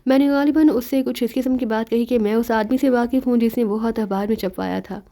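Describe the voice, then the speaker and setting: A woman's voice: on the high side, fairly even intonation, dark tone, close to an everyday voice. Woman voicing a sly rambling male detective. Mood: calm explaining. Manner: rambling, mocking, teasing. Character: sly joking male detective, young man.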